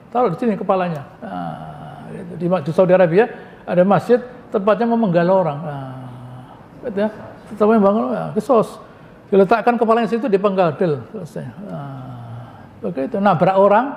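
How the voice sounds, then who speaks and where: A man gives a Quran commentary lecture in a mosque, his voice pitched high. He keeps it conversational, posing questions and answering them himself, with joking asides. A long hall reverb trails behind every phrase. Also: gravelly, darkish tone. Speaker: Islamic preacher.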